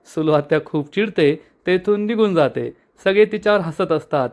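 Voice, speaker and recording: A man recapping a TV serial episode as a story, lively and reading out the characters' lines himself. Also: high-pitched, normal speed. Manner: lively, reads dialogue aloud.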